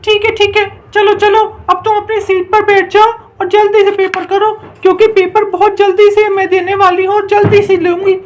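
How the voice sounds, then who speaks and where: A woman's voice: very high-pitched, level tone, moderate pace, hardly any pauses, slight background noise. A woman voicing a strict, impatient female schoolteacher who scolds and hurries her pupils in a doll story. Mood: stern. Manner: scolding, hurrying, threatening. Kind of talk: doll story role-play.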